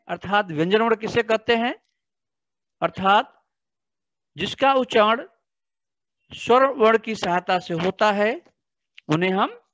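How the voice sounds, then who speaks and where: A teacher works through a grammar lesson for children at an unhurried pace, explaining each point deliberately. The voice often turns to address the class directly. The recording is dry, dull and slightly lo-fi. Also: medium pitch, fairly bright tone, no echo.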